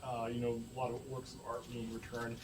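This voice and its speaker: A man giving a public university lecture to an audience, halting with many fillers and restarts. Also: medium pitch, monotone. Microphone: room mic far from speaker. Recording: distant mic, faint room noise.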